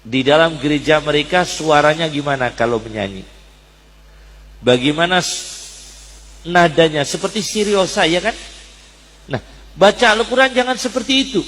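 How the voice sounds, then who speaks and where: A man's voice: a little high, fairly bright tone, long reverb tail, a little hiss or hum, low-quality recording. A man preaching a sermon emphatically, asking rhetorical questions and quoting Arabic scripture.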